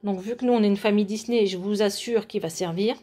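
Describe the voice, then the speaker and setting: A woman's voice: medium pitch, fairly even intonation, fast, warm tone. A woman in her forties from France, chatting casually as she shows her shopping and a gift box to the camera, with lots of hesitations. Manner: chatty, shows products to camera with many fillers. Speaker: vlogger. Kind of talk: casual haul vlog.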